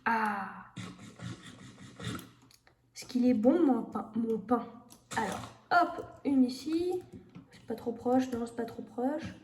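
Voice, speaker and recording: A gamer streamer with a fairly high, slightly mellow voice gives casual commentary on her gameplay, speaking slowly with long pauses. She thinks aloud, uses many fillers, and talks to her viewers. The room is echoey with faint noise.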